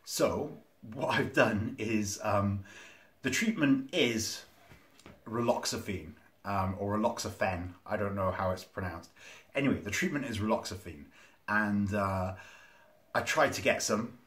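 A man's voice: on the low side, measured pace, a bit bright. A man talking casually to camera in a vlog, rambling and candid with plenty of ums. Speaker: vlogger.

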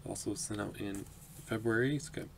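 This autograph collecting channel host, in his twenties, opens his mail for a home vlog from a small indoor room, chatty and upbeat with frequent laughs and lots of ums. His fairly low voice holds a steady tone at a moderate pace and has a creaky quality. The home recording is noisy.

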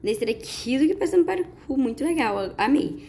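A woman with a Brazilian Portuguese accent giving chatty, excited gameplay commentary to her viewers. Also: sits high, normal speed, slight background noise. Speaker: gaming YouTuber.

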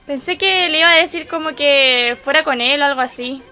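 High, bright-voiced Chilean woman reacting. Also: brisk, faint music behind. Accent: Chilean Spanish. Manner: exclamatory, sympathetic asides to the viewers. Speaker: anime reaction host. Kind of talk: casual reaction commentary.

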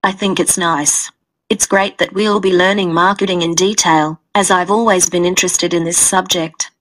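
A woman's voice: on the low side, fairly even intonation, moderate pace, fairly bright tone, natural voice, rough recording. A woman playing an agreeable college student in a scripted exam dialogue. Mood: agreeable, informative.

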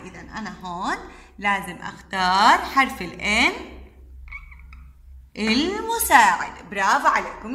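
A woman, teaching a kindergarten class in a high, lively voice that climbs and falls all the time. She draws out each sound in a sing-song and praises the children again and again. The recording has an echoey room sound. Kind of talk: teaching letters and syllables to young children.

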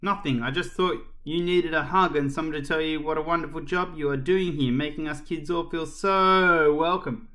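A man voicing a bold, clever young girl in a children's story, with a raised, bright voice. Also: a little high, fairly even intonation, moderate pace, hardly any pauses. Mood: sugary.

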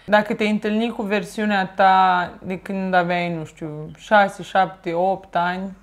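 A young woman from Romania hosting a casual chat, earnest and excitable, often breaking into laughter. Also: medium pitch. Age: young adult. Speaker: host.

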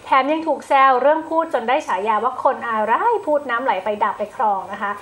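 A woman hosting entertainment news, chatty and fast-spoken. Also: fairly high pitch, a bit bright. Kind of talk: news presenting and light banter.

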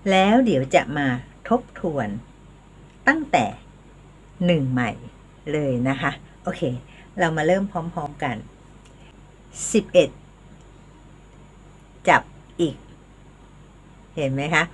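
An older woman teaching a language lesson, patiently leading slow counting drills. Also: low-pitched, slight background noise. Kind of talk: home video language lesson.

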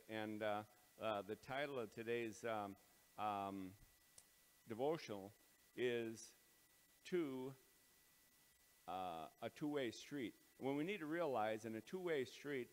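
A pastor's voice, a man of middle pitch, leads a casual devotional talk and prayer. He speaks in a plain, halting way, full of ums and uhs. Every word rings with big hall echo from a bare, empty auditorium under renovation. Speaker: pastor leading morning devotions.

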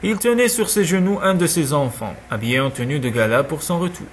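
A man narrating an audiobook in a measured, expressive way. His voice sits a little high for a man and rises and falls freely. Faint noise hums under the reading. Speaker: audiobook reader. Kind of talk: scripted narration.

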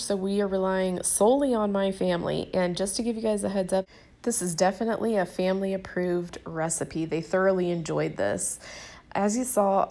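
A Southern US woman who runs a cooking vlog narrates a casual voice-over in a chatty, upbeat way, speaking directly to her viewers and calling them "you guys." Her voice sits at a medium pitch with a somewhat dark tone.

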